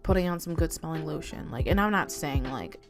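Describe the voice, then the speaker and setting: A woman's voice: deep voice, animated, a little fast, music in the background. A young woman talking casually to camera, rambling with many fillers and restarts. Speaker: vlogger. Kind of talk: casual confessional talk to camera.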